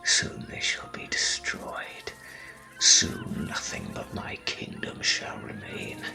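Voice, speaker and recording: A man playing a gloating, menacing alien tyrant in an audio drama, taunting and theatrical, often dropping toward a breathy whisper. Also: slow, bright, forceful tone. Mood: grandiose menace. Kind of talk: fan audio drama acting. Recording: echoey, long reverb, music underneath.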